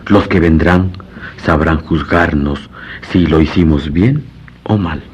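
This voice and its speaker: Man playing a very deep, husky lawyer. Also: takes it slowly, exaggerated voice. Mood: grave, troubled. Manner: formal, brooding. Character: grave, world-weary male liberal lawyer, a family man. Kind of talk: radio drama acting. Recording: dull lo-fi radio recording.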